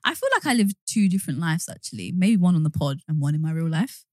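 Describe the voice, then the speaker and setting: Chatty young British woman, lively pitch. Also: quick pace, no echo, studio quality. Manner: chatty, self-deprecating, many fillers. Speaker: podcast co-host. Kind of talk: casual chat.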